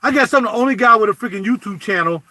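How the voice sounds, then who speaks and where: Man, casual vlog, animated preachy street talk, high voice, dry close mic. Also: quick pace, dry recording. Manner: animated, preachy street-talk riffing with big pitch swings. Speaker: YouTube vlogger. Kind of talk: casual spoken commentary.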